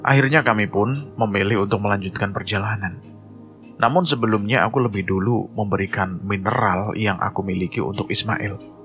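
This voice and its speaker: A man telling a horror story in measured, suspenseful scripted narration, with music playing behind. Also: lowish voice, fairly bright tone.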